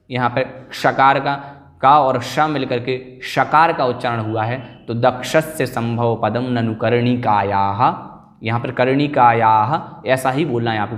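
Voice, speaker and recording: A man teaches a scripture class at a very slow, measured pace. He says each tricky word twice with deliberate care, as in a recitation lesson. His voice sits in a middle register. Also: medium pitch, a bit bright. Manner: slow, careful, repeats words for pronunciation. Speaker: religious teacher.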